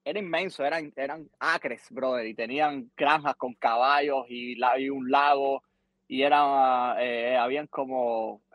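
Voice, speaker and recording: A man's voice: medium pitch, unhurried, no room sound. A middle-aged Cuban man telling a long story on a podcast, repeating words and acting out what people said to him. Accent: Cuban Spanish. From Cuba. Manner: animated, repeats words, acts out quotes. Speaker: guest musician.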